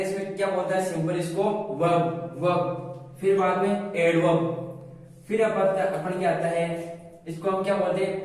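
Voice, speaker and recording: A man's voice: high-pitched, a little mellow. Man, English teacher, asks-and-answers questions, distant mic, roomy echo. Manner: asks questions then answers them himself, repeats key words. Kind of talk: classroom-style lesson with call-and-response questions. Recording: echoey room, voice from a distance.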